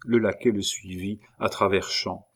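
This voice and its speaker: Guy narrating an audiobook, lowish voice, measured dramatic reading. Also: steady tone, husky. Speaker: audiobook reader. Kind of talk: scripted narration.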